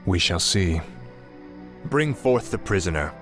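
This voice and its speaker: Deep-voiced arrogant death knight. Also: male voice, lively intonation, measured pace, a bit bright, faint music behind. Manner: menacing, dismissive. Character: young fallen prince turned death knight, arrogant and cold. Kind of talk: fantasy video game acting.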